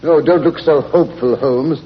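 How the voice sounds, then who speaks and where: An actor playing a genial, fussy older English doctor who narrates and bickers in 1940s radio drama style. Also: male voice, on the high side, moderate pace, breathy edge. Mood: indignant, defensive. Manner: avuncular, fussy, indignant when teased. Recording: muffled, noisy old 1940s radio recording.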